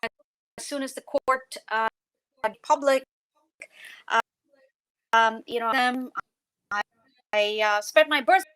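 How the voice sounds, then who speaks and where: A woman's voice: on the high side, a bit bright, smooth, dry recording, rough recording. Woman on a patchy call, volume cutting out. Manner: halting, with many fillers and restarts. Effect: call audio cutting in and out, volume rising and dropping. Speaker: guest writer. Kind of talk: interview answers over a bad connection. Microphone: remote call line.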